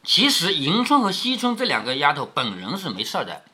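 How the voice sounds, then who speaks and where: A man reading a classic novel aloud to his daughter, pausing to explain and asking her rhetorical questions. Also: on the high side, wildly swooping pitch, bright, forceful tone, breathy edge. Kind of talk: storybook reading with commentary.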